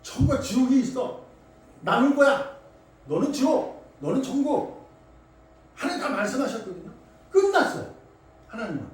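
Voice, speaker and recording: Lively high-voiced pastor in echoey church. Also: male voice, moderate pace, long pauses. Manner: animated, conversational preaching with acted quotes. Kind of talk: sermon. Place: church sanctuary. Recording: echoey hall, distant mic, faint noise.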